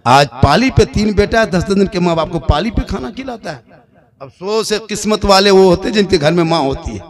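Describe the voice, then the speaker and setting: A man with an Indian Hindi-Urdu accent and a strikingly high voice preaches an emotional sermon. He tells stories dramatically, voicing each character's lines himself. His delivery swells into shouted passages. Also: animated, fairly quick. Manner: dramatic storytelling, acts out dialogue, rising to shouts.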